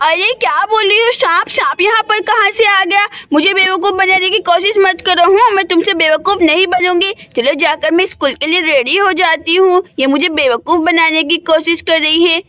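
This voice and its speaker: A woman's voice: very high voice, moderate pace, hardly any pauses, pushed and bright, no room sound. A woman voicing Sona, a teasing young girl. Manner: teasing, mocking. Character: mischievous girl, teasing her sister.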